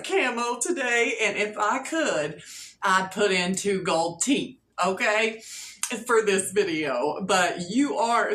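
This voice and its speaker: A woman hosting a tarot channel and telling a story in a lively, animated, casual way. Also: mid-range voice. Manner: animated storytelling with movie retelling and playful asides. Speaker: tarot reader and channel host. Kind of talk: casual tarot reading chat. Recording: echoey room, faint background noise.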